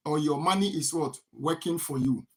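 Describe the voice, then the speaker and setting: Speaking to camera at a moderate pace, a farming channel host from Ghana delivers a motivational talk about money in a somewhat high voice. He says the same phrases again and again, repeatedly asking the listener "what?" and then supplying the answer.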